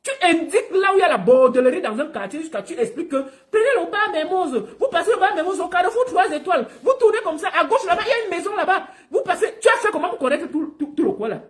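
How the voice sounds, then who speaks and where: A woman voicing a boastful young man in a shrill, giggling mocking falsetto. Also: animated, fast, few pauses.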